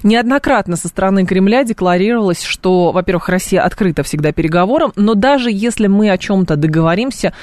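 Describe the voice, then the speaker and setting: A woman hosting live radio news talk in a studio, speaking briskly with frequent filler sounds between points. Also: medium pitch, darkish tone, dry recording. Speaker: radio host. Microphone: studio microphone.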